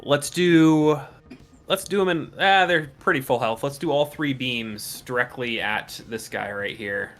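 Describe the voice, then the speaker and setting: A man playing a tabletop role-playing game, calmly talking through his character's moves step by step. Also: medium pitch, measured pace, faint music behind. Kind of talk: casual tabletop game talk.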